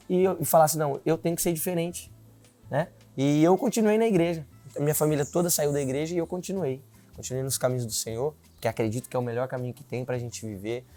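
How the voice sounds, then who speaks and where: A man's voice: fairly high pitch, mellow, no room sound. A man in his twenties, a city council candidate, earnestly telling his life story in an interview, often adding filler tags. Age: 20s.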